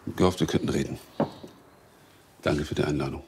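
A very deep-voiced, terse man. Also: steady tone, brisk, vocal fry, background noise. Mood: dry, guarded. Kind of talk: TV drama dialogue.

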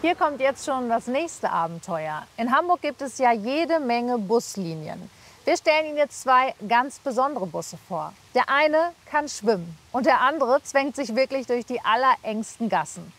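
A woman's voice: on the high side, very animated, moderate pace, fairly bright tone. A woman presenting a TV magazine show, introducing the next segments. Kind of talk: scripted presenting.

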